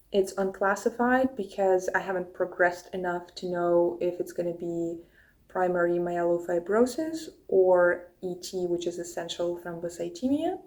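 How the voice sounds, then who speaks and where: A young Russian woman, a YouTuber whose first language is Russian, speaks with a Russian accent in a lowish, somewhat dark voice. She chats casually to her phone camera, reading viewer questions from her notes and answering them in a get-to-know-me style.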